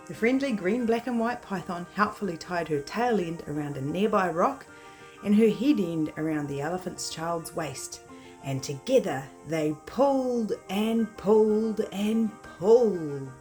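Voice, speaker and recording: A woman librarian with a New Zealand accent reading a picture-book story aloud to toddlers in an expressive storyteller voice. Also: mid-range voice, poor audio. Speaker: children's librarian.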